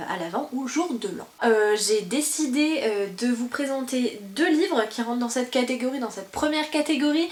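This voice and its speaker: A woman's voice: fairly high pitch, reverberant. A young woman presenting books in a casual vlog from her parents' living room, talking in a chatty way with many fillers and restarts. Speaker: book vlogger. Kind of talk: casual book presentation to camera.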